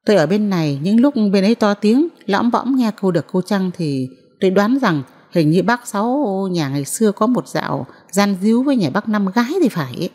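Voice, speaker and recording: A woman narrating a novel in the first person as an audiobook reader, in a measured, mournful way. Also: mid-range voice, animated, a little mellow, big-room sound.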